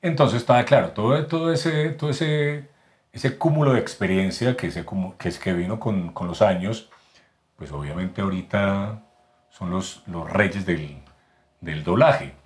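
A man's voice: deep voice, unhurried. A Colombian man from Medellín with a paisa accent, a voice actor and announcer talking as a podcast guest, explaining at length with frequent restarts and repeated words. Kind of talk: casual podcast interview.

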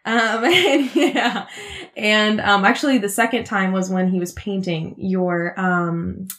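A woman's voice: medium pitch, slow, a bit bright. A young woman from Washington, whose first language was Russian, chatting casually as a guest, rambling and laughing often with lots of fillers. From Washington, USA. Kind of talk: casual chat.

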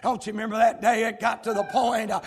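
A Southern US pastor preaching a sermon in a folksy, fiery way, from quiet storytelling to shouting. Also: male voice, high voice, little pitch movement, fast talker, gravelly, slightly rough. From South Carolina, US. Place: large church sanctuary. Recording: long church hall reverb.

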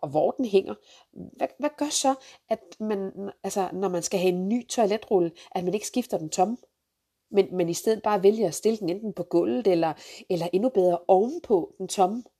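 Blunt sarcastic woman ranting, husky voice. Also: medium pitch. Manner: blunt, sarcastic, swears freely; jumps to sharp loud outbursts. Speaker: vlogger, mother. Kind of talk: ranting countdown list of pet peeves.

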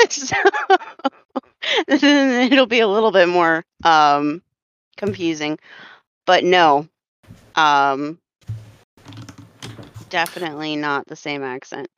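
A woman's voice: low-pitched, expressive, slow pace, pauses often, a bit bright, clean tone, dry recording. A woman from Florida with a slight Southern drawl, hosting a casual podcast chat, rambling with fillers and frequent laughter. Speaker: podcast host. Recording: dull lo-fi dry sound.

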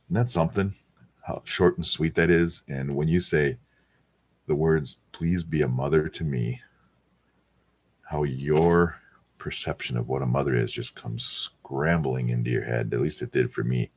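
A man hosting a weekly live rosary podcast from his home, talking in a soft, hesitant, casual way with many pauses and ums. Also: extremely low pitch, slightly rough. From Wisconsin, USA. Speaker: podcast host leading the rosary. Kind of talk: casual prayer-show chat.

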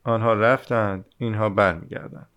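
A man's voice: lowish voice, steady tone, clean tone, muffled recording, lightly acted. A man reading the part of a weary railway switchman in an audiobook, dry and matter-of-fact.

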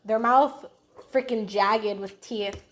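A woman's voice: medium pitch, steady tone, slow pace. A young woman co-hosting a casual podcast, rambling through a story with many fillers and mild swearing. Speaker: podcast co-host.

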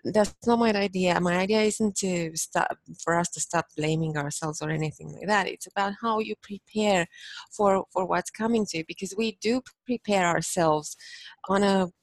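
A woman's voice: mid-range voice, moderate pace, dry recording. Thoughtful Romanian-born woman, dry sound. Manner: thoughtful, many restarts and fillers. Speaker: podcast guest, business owner. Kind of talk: casual interview chat.

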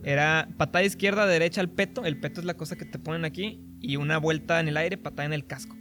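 A man's voice: fairly high pitch, fast, faint music behind. A young man from Mexico with a Mexico City accent, telling a story animatedly in a casual chat among friends, laughing often. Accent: Mexico City Spanish. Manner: animated, laughing, acts out voices in his anecdotes.

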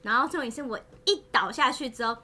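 A woman co-hosts a chatty podcast, telling a story and breaking into laughter as she goes. Her voice sits high and bright, and it swings widely in pitch. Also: quick pace, slight background noise. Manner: animated, laughing, shrieks when acting out. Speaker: podcast co-host. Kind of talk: casual chat, storytelling.

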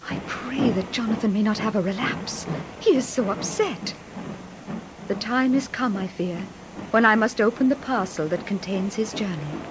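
A woman's voice: medium pitch, moderate pace, noisy background, natural voice. An actress playing a devoted, anxious young wife, narrating her diary tenderly in a radio drama.

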